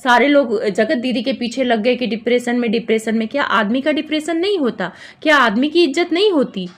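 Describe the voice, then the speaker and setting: Speaking fairly quickly in a voice on the high side, a woman vlogger gives informal, opinionated commentary on a dispute between others. She recaps it and judges it, repetitively pointing fingers.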